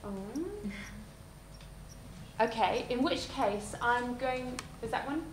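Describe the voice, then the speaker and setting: A woman's voice: a little high, animated, takes it slowly. A woman in her thirties moderating a live panel discussion, friendly and hesitant, with many fillers. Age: 30s. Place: lecture hall. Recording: echoey hall, faint noise.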